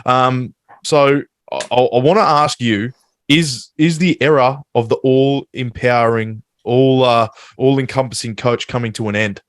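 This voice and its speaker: A man's voice: mid-range voice, fairly even intonation, no room sound. A man hosting a podcast, easygoing and chatty, setting up questions for his co-hosts. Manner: easygoing, asks questions, quick asides. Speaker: podcast host.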